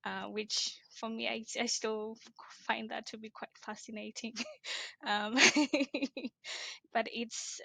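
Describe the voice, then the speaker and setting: Gravelly-voiced woman from Kenya, hesitant. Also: medium pitch, bright, forceful tone, no room sound. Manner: hesitant, many ums. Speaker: guest, social entrepreneur. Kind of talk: casual interview talk.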